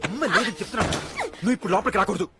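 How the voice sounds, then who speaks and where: A man's voice: extremely high pitch, sing-song. An actor playing an irritable young policeman who snaps at his fiancée and uncle. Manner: irritable, brusque, rapid. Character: harried young policeman hiding a problem at home.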